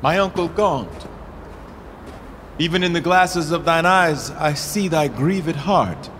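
A man's voice: fairly high pitch, slow, fairly bright tone. An actor playing a young, imperious medieval king, declaiming Shakespearean verse in a regal, mercurial manner. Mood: softer, condescending. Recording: long hall reverb, background noise.

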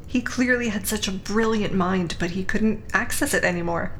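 A woman's voice: medium pitch, normal speed, slight background noise, natural voice, low-quality recording. A woman playing an earnest, cautious, principled young woman in an audio drama, speaking sincerely. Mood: concerned, warm. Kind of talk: scripted audio drama acting.

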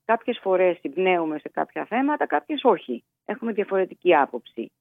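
A woman's voice: on the low side, very animated, dry recording. Woman psychologist on a tinny phone line. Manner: measured, explanatory, with frequent hesitations. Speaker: child psychologist guest. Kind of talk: expert advice on a podcast.

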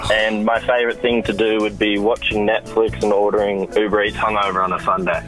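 Lower-voiced Australian man phoning in casually. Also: level tone, brisk, a bit bright, poor audio. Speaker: radio phone-in dating contestant. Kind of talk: casual chat. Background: music.

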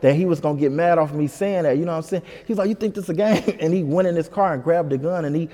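A man telling a story as an interview guest, animated and full of "you know what I'm saying.". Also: fairly high pitch, fast talker, in a large hall. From Detroit. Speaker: comedian guest.

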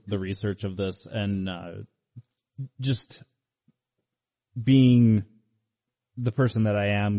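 Male host, conversational and halting, soft-edged mellow tone, dull audio. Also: on the low side. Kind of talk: talk show hosting, conversational.

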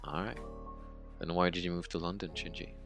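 A man's voice: deep voice, steady tone, creaky, music in the background. An actor playing a dry, teasing interviewer who needles his guest in an audio drama. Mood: wry. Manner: sardonic, brisk.

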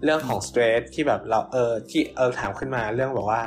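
A man talking casually as a podcast guest, halting with many restarts and mixing English terms into his speech. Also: medium pitch, faint music behind.

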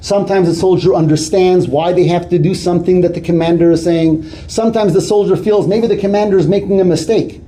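A man giving an earnest sermon as a rabbi, weaving in a story told with lively quoted dialogue. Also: sits high, a little fast, few pauses. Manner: earnest, builds to animated retelling of quoted dialogue.

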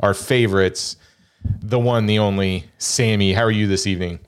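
A man's voice: on the low side, steady tone, normal speed, smooth. Easygoing man hosting a podcast. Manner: easygoing, jokey, rambling. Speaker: podcast host. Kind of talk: casual chat.

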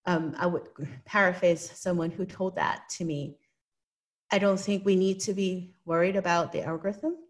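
Her voice is on the low side, with a steady tone and moderate pace. She's from Hong Kong, has a Hong Kong English accent, and as an interview guest she gives earnest, explanatory answers, often adding "right?"

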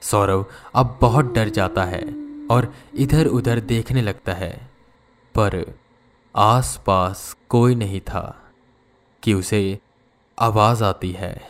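A man narrating a scripted horror story in a slow, measured storytelling manner. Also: on the low side.

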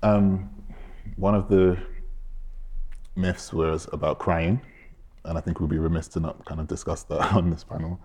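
A man hosting a discussion panel, asking gently probing, hedging questions. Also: low-pitched, little pitch movement, measured pace, pauses often. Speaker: panel host.

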